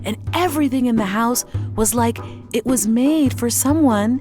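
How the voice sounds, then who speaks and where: A woman narrating a children's folktale slowly and expressively, weaving in words. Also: on the high side, over music. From Sudan. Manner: slow, expressive, mixes in Arabic words. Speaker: storyteller.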